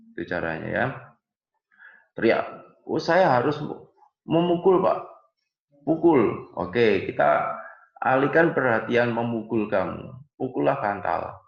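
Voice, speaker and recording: A man's voice: low-pitched, vocal fry. A man teaching a nursing class, explaining patiently and often tagging phrases with "ya". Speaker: nursing lecturer. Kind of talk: online class lecture. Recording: echoey room, dull lo-fi audio.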